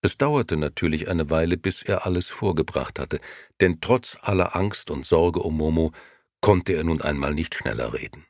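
A man reading an audiobook aloud with husky, expressive storytelling. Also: extremely low pitch, moderate pace, dry recording, studio quality. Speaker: narrator.

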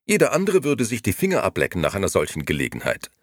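A man's voice: medium pitch, big pitch swings, vocal fry, husky, dry recording, voice pushed up, heavily acted. A male reader voicing an indignant, insistent lady reporter in a dry recording. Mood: offended. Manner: affronted, insistent, fast-talking.

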